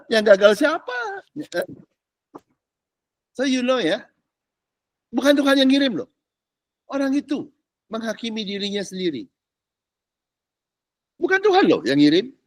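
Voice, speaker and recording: A middle-aged male pastor teaching a discipleship class in casual slang, teasing his listeners with rhetorical questions and swinging between loud and soft. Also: high-pitched, no echo. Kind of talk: animated sermon teaching. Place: church classroom.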